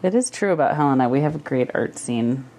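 Woman host, low voice, brief prompting questions; faint background noise. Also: lively intonation, fast, mellow. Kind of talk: casual interview chat.

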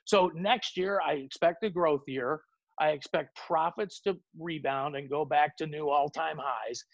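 Male interview guest, fairly high voice, plain-spoken conversational forecaster, very dry recording. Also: measured pace, vocal fry, no room sound, dull audio. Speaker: podcast guest, economic forecaster.

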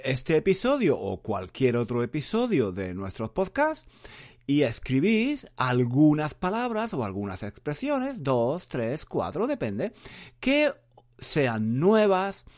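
A Spanish-accented man from Spain, a podcast host and Spanish teacher, leads a casual podcast lesson. His mid-range, slightly mellow voice moves slowly with huge pitch swings as he rambles, repeats phrases, and leans on fillers and tag questions.

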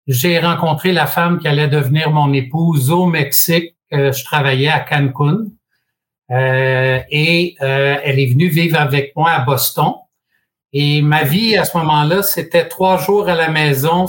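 Speaking in a fairly high, bright voice, a sixty-something man from Quebec shares his story as a guest on an interview. He's a franchise expert with a Québécois French accent, and his telling is measured, punctuated by hesitations and dry humor.

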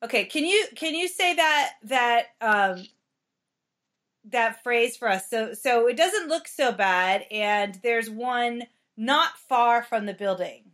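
A woman's voice: on the high side, lively intonation, slow pace, a bit bright. A native Spanish-speaking woman hosting a conversational French lesson as a learner, often checking with short questions.

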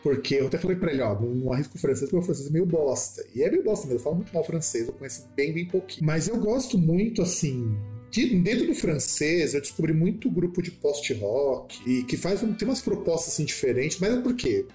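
A man interviews a guest in an easy, enthusiastic way, his voice mellow and warm while his pitch leaps around a lot. Soft music sits faintly underneath. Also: big pitch swings, brisk, hardly any pauses. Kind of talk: casual interview chat.

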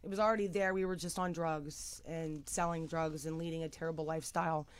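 A woman's voice: sits low, steady tone, brisk. A middle-aged woman talking as an interview guest, earnest and emotional, often repeating words as she goes. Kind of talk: candid interview chat.

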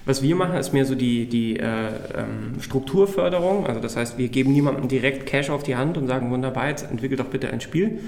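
A man being interviewed about his work, explaining things hesitantly and filling pauses with lots of "um"s. He is recorded on site at a venue rather than in a studio, and the room gives his voice a clear reverb. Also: medium pitch, darkish tone. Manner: hesitant, many fillers. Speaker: interview guest, games project manager. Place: on-site at an event venue, not a home studio. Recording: roomy echoing reverb.

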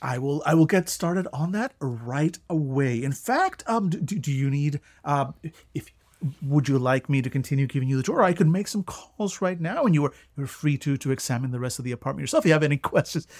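A man's voice: on the high side, lively intonation, fairly quick, darkish tone, dry recording, clean studio sound. A man voicing an eager, flustered woman real estate agent who talks in over-accommodating, stammering sales patter. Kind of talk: tabletop role-play voice.

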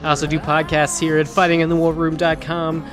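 A man's voice: fairly high pitch, completely flat delivery, fairly quick, music in the background. A man co-hosting a podcast in a casual, joking style of chat. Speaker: podcast co-host.

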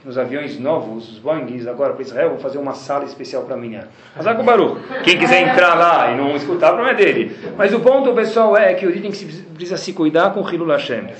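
A man with a Brazilian Portuguese accent, teaching a religious class as a lively storyteller who keeps addressing his listeners with rhetorical questions. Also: on the high side, fast talker, hardly any pauses, a crowd in the background. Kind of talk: lecture to a class. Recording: roomy, with faint background noise.

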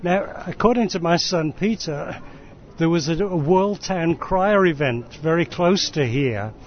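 A man's voice: a little high, lively intonation, unhurried. A middle-aged man interviewing casually, with an appreciative, encouraging way of asking questions. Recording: dull recording with clear background noise.

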